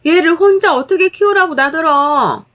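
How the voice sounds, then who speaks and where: A woman voicing a hysterical, spoiled young sister-in-law who shouts frantically. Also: extremely high pitch, expressive, moderate pace, voice pushed up. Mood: frantic.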